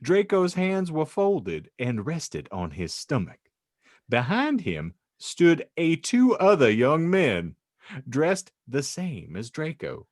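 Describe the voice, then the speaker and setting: A man hosts a comedy podcast and narrates with a wry, mock-solemn, theatrical delivery, mixing comedic banter with dramatic story reading. His voice is on the high side, swoops wildly in pitch, and moves slowly, captured in clean studio sound with no echo.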